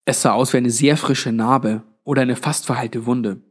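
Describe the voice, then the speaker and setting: A man narrating an audiobook, steady and measured as he walks through a tense scene. His pitch sits in an ordinary middle range for a man. The reading is scripted and paced for storytelling. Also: breathy edge.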